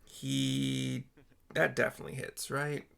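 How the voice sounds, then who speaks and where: A man's voice: medium pitch, level tone, unhurried, vocal fry, background noise. A man acts as game master with an ordinary mid-range voice. He narrates casually and hesitantly, thinking aloud through the game.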